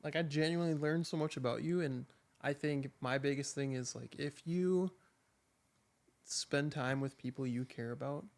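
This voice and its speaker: A man's voice: mid-range voice, normal speed, creaky. A man co-hosting a casual podcast chat, laid-back and sincere, repeating his points. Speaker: podcast co-host. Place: podcast set with camera and microphones.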